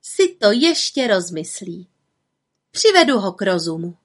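A woman voicing a kindly, playful little female witch in a storybook reading, her voice raised high and bright. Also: very animated. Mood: reassuring.

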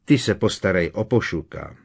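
Firm caring witch mom, higher put-on voice, man reading, husky. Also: animated, exaggerated voice. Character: motherly, stern middle-aged witch.

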